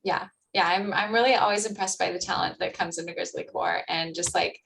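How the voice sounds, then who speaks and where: A woman's voice: on the low side, steady tone, fairly quick, gravelly, fairly bright tone, recorded from a distance, a little hiss or hum. Chatty young woman hosting a video call. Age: young adult. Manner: chatty, laughing, filler-heavy. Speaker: meeting host. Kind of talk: casual video-call chat.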